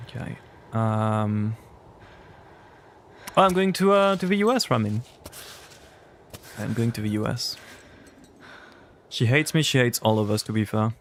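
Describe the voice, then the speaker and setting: A young man with a French accent streams a game from home, rambling loosely as he answers chat messages. His voice is lowish with lively intonation, unhurried and full of pauses, picked up by a desk mic over a faint noise.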